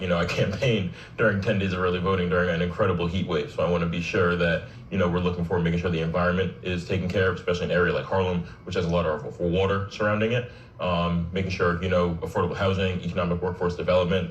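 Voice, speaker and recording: A young man with a very low voice talks quickly. He sounds set back from the mic in an echoey space, with faint room ambience behind him. He speaks in a casual, measured way as an interview guest. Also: fairly even intonation, distant mic, a little hiss or hum. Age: 20s. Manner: casual, measured, frequent "you know" fillers. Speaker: political candidate.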